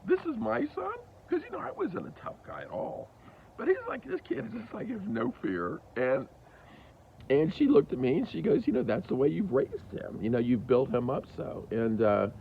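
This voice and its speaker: A man in his fifties telling a candid personal story about his kids, animated, with big jumps in pitch. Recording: dull lo-fi recording with faint hiss.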